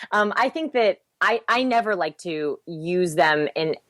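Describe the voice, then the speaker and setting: A young woman with a fairly low, dry voice explains body language on a podcast. She talks fast and with eager energy, picking up speed as she goes. The sound is close and dry. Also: expressive, a bit bright, no room sound. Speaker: guest, human behavior researcher. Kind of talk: podcast interview.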